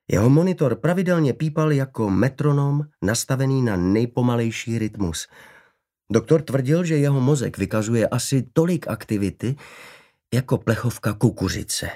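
A man reading an audiobook in a measured, steady narrating voice. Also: mid-range voice.

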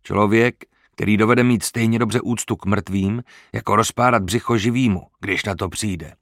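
Man reading a short-fused pirate, furious and emphatic, low voice, dry recording. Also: fairly bright tone, dry recording. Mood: menacing. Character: hot-tempered pirate man, fierce and proud.

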